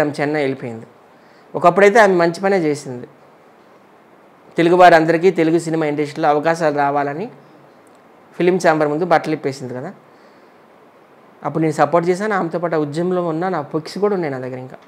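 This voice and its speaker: With a voice that's a little high, a male entertainer from Andhra Pradesh keeps the interview casual, delivering short, blunt verdicts in a line or two.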